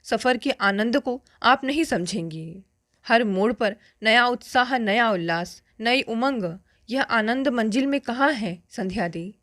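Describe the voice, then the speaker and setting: A woman reading a story aloud and voicing a dreamy, carefree young woman in love, soft, slow and wistful. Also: a little high, animated, no room sound, clean studio sound. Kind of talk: first-person story narration.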